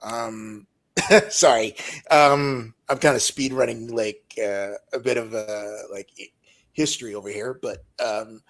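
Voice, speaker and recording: A French Canadian man, French his first language, talks at a very slow pace in casual conversation. His French Canadian accent comes with a hesitant, apologetic manner, often searching for the next word. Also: mid-range voice, creaky, a bit bright. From French-speaking Ontario, Canada. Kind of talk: casual chat on a live call-in show.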